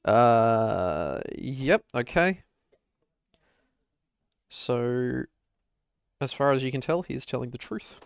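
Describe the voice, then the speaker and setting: A man acts as game master for a tabletop role-playing game and explains rolls in a patient, measured way. His voice is gravelly yet smooth and resonant. It is recorded dry and close, with no room sound. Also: medium pitch, animated, no echo.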